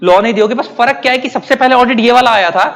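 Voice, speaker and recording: A man's voice: very high voice, fast, a bit bright, long reverb tail. A man teaching a class. He asks his students questions and then answers them himself. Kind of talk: classroom lecture.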